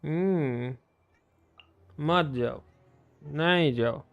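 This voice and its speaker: A man's voice: on the high side, drawn-out words, dry recording, highs cut off. A man, a game streamer at home, coaxing his cat in doting baby talk between casual chat. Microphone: desk microphone.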